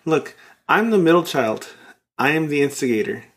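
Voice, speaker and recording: A man's voice: a little high, lively intonation, normal speed, a bit bright. Playful rambling man in his thirties. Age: 30s. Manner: playful, rambling, restarts often. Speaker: podcast co-host. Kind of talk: casual chat.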